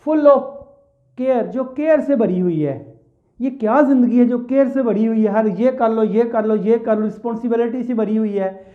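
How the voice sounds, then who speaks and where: A man teaching an English poem, mixing Urdu and English and reading the verse lines slowly. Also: extremely high pitch. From Pakistan. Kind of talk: poetry lecture. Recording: tinny phone-like audio.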